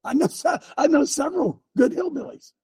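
An older man hosting a show in a preachy commentary style, repeating his points and firing rhetorical questions, often clearing his throat. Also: extremely high pitch, expressive, fairly quick, warm tone, no room sound. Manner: emphatic, repeats lines, fires rhetorical questions. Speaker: show host.

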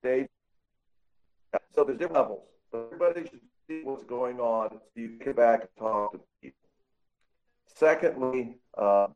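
A man's voice: medium pitch, darkish tone. Man on a breaking-up call line. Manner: halting, listing points. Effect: breaking-up online call connection. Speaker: caller. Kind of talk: call-in comment on a live show. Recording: choppy lo-fi call line, faint music.

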